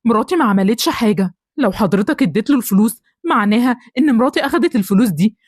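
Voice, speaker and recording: Woman doing meek older Egyptian man, high pleading voice, quick, dry sound. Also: animated, darkish tone, husky, no echo. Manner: pleading, protesting his wife's innocence.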